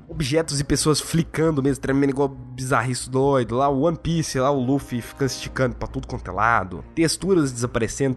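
A young Brazilian man giving a casual, blunt and opinionated game review, swearing freely. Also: mid-range voice. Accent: Brazilian Portuguese. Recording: faint music behind the voice.

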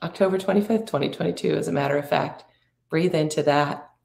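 A middle-aged woman with a low, gravelly voice talks slowly and reflectively, guiding listeners through an uplifting spiritual message. Her phrases stretch out gently with pauses to breathe. The sound carries the echo of a bare room. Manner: slow, drawn-out, reflective phrasing with breathing cues. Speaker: podcast host and spiritual coach. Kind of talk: soothing inspirational talk.

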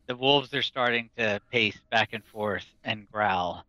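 A man's voice: fairly low pitch, a little slow, sharp tone, dry recording. A man running a tabletop game as game master, improvising narration and calling for rolls. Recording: slightly dull, lo-fi close recording.

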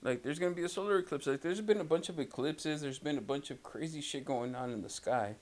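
A man's voice: fairly high pitch, fast, darkish tone. A man co-hosting a casual podcast, talking in a rambling, profane way and swearing constantly. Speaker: podcast co-host. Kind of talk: casual chat.

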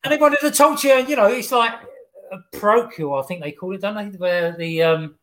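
High-voiced jokey English man. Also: fairly bright tone. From England. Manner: jokey storyteller, laughs often, halting restarts. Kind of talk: casual podcast chat.

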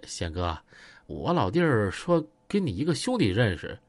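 A man voicing a hesitant local boss who coaxes in a low voice, with a Northeastern Chinese accent. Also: sing-song, moderate pace, no room sound. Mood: coaxing.

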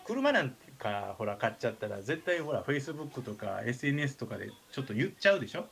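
A man with a Kansai accent hosts a radio show, chatting casually and telling comic anecdotes. His mid-range voice is creaky and quick, and he animates the stories by acting out the dialogue.

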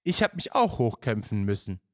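A man's voice: fairly low pitch, very animated, moderate pace, no echo, studio quality. A man voicing a resentful middle-aged male scrapyard worker who rants indignantly. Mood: bitter. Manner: indignant, ranting.

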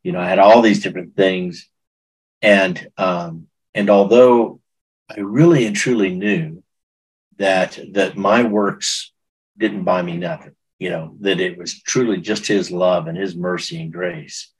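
A man's voice: low voice, fairly even intonation, a little slow, husky, low-quality recording. A middle-aged man recounting a personal testimony in an interview, earnest and emotional, often restarting his sentences. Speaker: guest.

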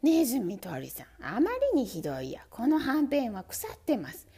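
A cheeky little storybook mouse with a haughty, complaining way of talking, as a woman puts it on. The voice is warm and mellow, with lively rises and falls. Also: sits high, moderate pace, vocal fry. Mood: wailing.

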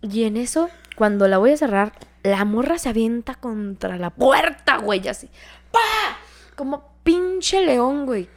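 A young woman with a Mexican Spanish accent tells a story in casual chat. Her voice sits a little high. She swears freely and often breaks into laughter. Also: moderate pace, hardly any pauses. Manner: profane, laughing, lively retelling.

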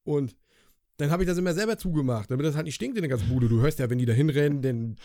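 Laid-back guy with a mellow voice, chatting, dry close mic. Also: a little high, quick pace, no echo. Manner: relaxed, colloquial, repeats words. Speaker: podcast co-host, service technician. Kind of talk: casual chat.

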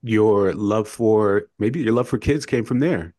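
A man's voice: on the low side, measured pace, warm tone, no echo, clean studio sound. A man hosting a casual interview, asking questions and responding conversationally. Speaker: interviewer, podcast host.

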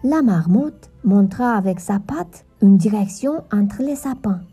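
A woman narrating a children's Christmas story in a gentle storytelling manner. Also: mid-range voice, lively intonation, measured pace, husky, faint music behind.

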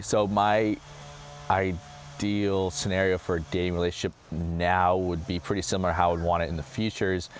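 A young man in his twenties answers interview questions in a lowish voice, pausing and restarting as he thinks. He speaks outdoors, with clear background noise behind him. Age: 20s. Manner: hesitant, halting with fillers.

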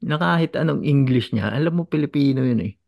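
Gravelly Filipino man co-hosting a chat. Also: mid-range voice, animated, a little fast, a little mellow, no room sound, clean studio sound. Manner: asks questions, casual teasing. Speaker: podcast co-host. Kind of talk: casual chat.

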